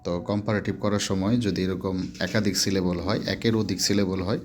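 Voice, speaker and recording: Methodical low-voiced male grammar teacher. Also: little pitch movement, a little hiss or hum. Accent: Bangladeshi Bengali. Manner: repeats examples slowly and methodically, with fillers. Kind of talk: explaining a lesson step by step.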